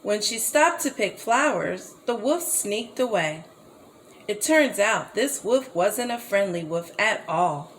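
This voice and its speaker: Lady reading a kids' story out loud, slow and super lively in her tone. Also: medium pitch, a little hiss or hum, low-quality recording. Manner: slow, expressive, gently animated. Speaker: storybook reader for children. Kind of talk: reading a children's story aloud.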